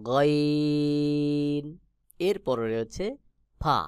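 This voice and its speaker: A man teaching Quran recitation, explaining where each Arabic letter is formed and sounding it out slowly several times. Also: medium pitch, no room sound, studio quality. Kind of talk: slow instructional explanation.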